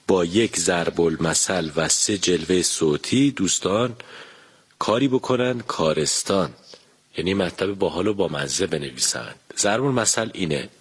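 A man's voice: low-pitched, husky. A man hosting a story-writing contest who announces each entry courteously. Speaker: contest host. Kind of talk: radio-style contest hosting.

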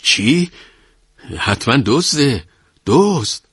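A man voicing an old wife who is frightened and curious, speaking in high, alarmed exclamations. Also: fairly even intonation, vocal fry, slightly rough, no echo, studio quality, heavily acted.

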